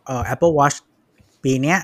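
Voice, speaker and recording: A man's voice: a little high, fairly even intonation, takes it slowly, a bit bright. A man co-hosting a casual tech podcast, chiming in with details and opinions in short bursts. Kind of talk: casual chat.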